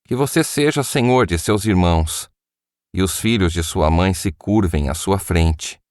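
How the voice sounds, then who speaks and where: A man's voice: sits low, a little mellow, no room sound, clean studio sound. Old Isaac, as a man reads him, solemn and grave. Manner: solemn, measured.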